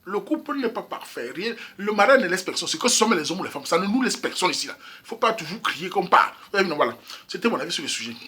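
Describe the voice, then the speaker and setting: A man from Cameroon delivers a casual opinion monologue, emphatic and repetitive, turning to address his listeners directly. His voice is bright and a little husky, sitting somewhat high for a man, and the words come quickly. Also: sing-song. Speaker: YouTube commentator. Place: Europe.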